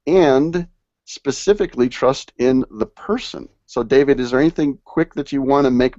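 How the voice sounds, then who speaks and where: A man's voice: medium pitch, moderate pace, a little mellow, no room sound, highs cut off. Man hosting a video-call panel. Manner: reads passages aloud and stresses key words. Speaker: host of a live online panel.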